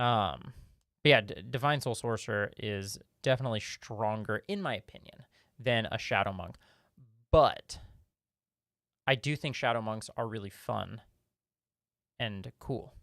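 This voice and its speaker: A man's voice: medium pitch, a bit bright, no echo, clean studio sound. A man hosting a casual live-stream Q&A, reading viewer questions and rambling through his answers with lots of fillers and restarts.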